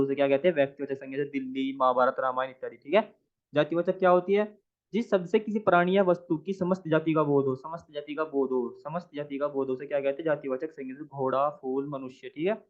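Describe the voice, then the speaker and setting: A Hindi exam tutor runs a practice lesson in a somewhat high, steady voice at a quick pace, posing each question aloud, answering it himself and repeating the answer over and over. The audio is thin and tinny, like a phone line.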